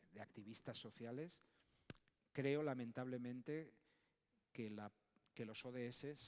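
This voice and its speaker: Un hombre español, autor de un libro, hablando en un panel de congreso, de manera enfática y enumerando ideas. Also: male voice, on the low side, darkish tone. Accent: Spanish from Spain. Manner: emphatic, lists ideas, frequent tag questions. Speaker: book author and speaker. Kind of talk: conversational panel talk. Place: conference hall. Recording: long hall reverb.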